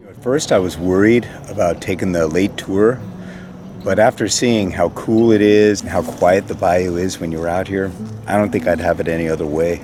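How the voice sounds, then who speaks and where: Male tourist, low voice, unscripted casual talk to camera, music clearly behind. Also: steady tone, normal speed. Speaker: tour participant giving impressions. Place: outdoors.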